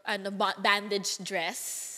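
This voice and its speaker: Bright Filipino woman, casual co-host. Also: medium pitch, flat delivery, in a large hall, low-quality recording. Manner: quick affirmations, playful asides. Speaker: podcast co-host. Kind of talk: casual chat.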